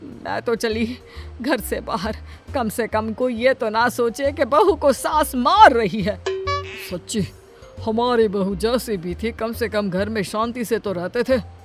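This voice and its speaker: A woman voicing a complaining, dramatic middle-aged mother-in-law in an animated story. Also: fairly high pitch, slow, soft background music. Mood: fretting.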